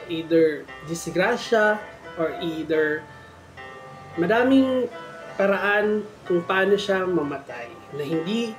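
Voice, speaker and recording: Reading out listener-submitted horror stories, this story show host has a high-placed voice set against a faint music bed. The recording has a roomy sound and poor quality.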